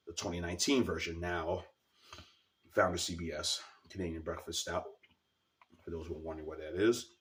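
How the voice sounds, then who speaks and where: A man's voice: low voice, a bit bright, distant mic. A man with a scratchy, sore-sounding throat gives a casual, informal product review as a video host, repeating words for emphasis.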